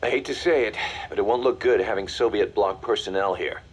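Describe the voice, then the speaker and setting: An actor playing a mercenary second-in-command in a video game, briefing in a confident, matter-of-fact, commanding way. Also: male voice, fairly low pitch, fairly quick, slightly rough. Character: brisk, hard-nosed male mercenary second-in-command. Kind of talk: video game voice acting, mission briefing dialogue.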